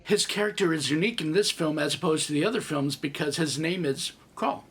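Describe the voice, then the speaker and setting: A man's voice: a little high, a little fast, a bit bright, husky, soft background music. A man in his thirties giving a comedic movie review with snarky, sarcastic asides. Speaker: film reviewer.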